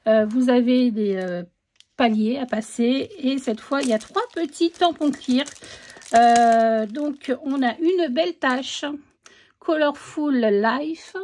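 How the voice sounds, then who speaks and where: Woman, crafts vlogger, unboxing. Slow and hesitant, filler-heavy, lists stamp texts one by one. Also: high-pitched, darkish tone. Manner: reads out stamp texts as a list. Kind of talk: casual product unboxing.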